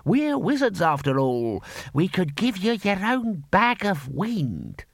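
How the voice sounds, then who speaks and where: A man voicing a pompous older male wizard with a slow, drawling manner. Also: sits high, huge pitch swings, vocal fry, no echo, voice pushed up, full character voice. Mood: smug.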